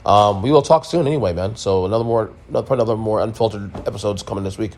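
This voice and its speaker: On his sports podcast, this host recaps emphatically and casually, repeating himself, offering blunt opinions, and swearing mildly. His lowish, slightly mellow voice moves fast, with a little hiss or hum in the audio.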